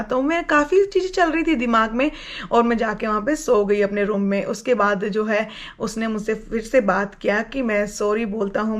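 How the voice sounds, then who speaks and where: A young woman from India with a somewhat high voice tells a personal story in a loose, chatty way. She drifts between languages mid-sentence and keeps a relaxed, conversational flow. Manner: chatty, mixes in English phrases. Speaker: vlogger telling her love story. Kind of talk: casual storytelling.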